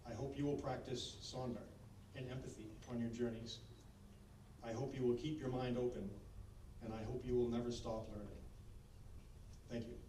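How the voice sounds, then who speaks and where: A man giving a formal podium speech at a commencement as a school leader, speaking in measured, deliberate phrases with pauses. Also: mid-range voice, fairly even intonation. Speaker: school leader addressing graduates. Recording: echoey, distant microphone, clear background noise.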